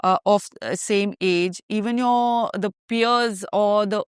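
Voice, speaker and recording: A woman with an Indian accent hosting a casual conversation, phrasing her points with deliberate emphasis. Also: mid-range voice, steady tone, smooth, dry recording, studio quality. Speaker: podcast host.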